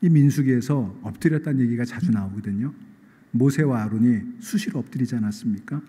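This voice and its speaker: A male pastor preaching a sermon, telling the story with lively acted-out voices. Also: mid-range voice, brisk, husky. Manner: animated storytelling, acts out quoted voices. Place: church sanctuary. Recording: church sanctuary with long reverb.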